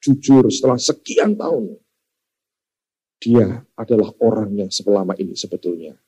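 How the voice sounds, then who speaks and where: Man doing a calm serious young woman, lowish soft voice, slow and thoughtful. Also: vocal fry, slightly rough, heavily acted, poor audio. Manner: measured, solemn, reflective speech.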